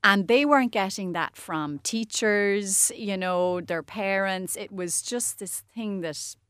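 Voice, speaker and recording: A woman's voice: mid-range voice, slow pace, fairly bright tone, clear, resonant tone, no echo, studio quality. A middle-aged woman with an Irish accent, hosting a discussion in a conversational way. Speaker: host. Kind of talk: conversational interviewing.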